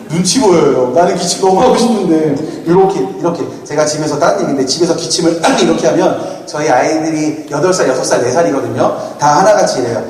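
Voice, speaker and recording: A man's voice: on the high side, darkish tone. Playful man preaching in an echoey hall. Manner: playful, asks the audience questions. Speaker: retreat speaker. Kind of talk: lively youth sermon with jokes. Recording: echoey hall, mic from far off, faint noise.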